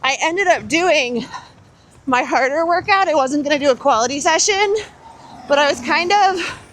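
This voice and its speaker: A high-pitched American woman talks casually while out running, animated as she recounts small stories. She is recorded outdoors with faint noise behind her. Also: normal speed. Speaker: host of a running chat. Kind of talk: casual chat. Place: outdoors on city streets.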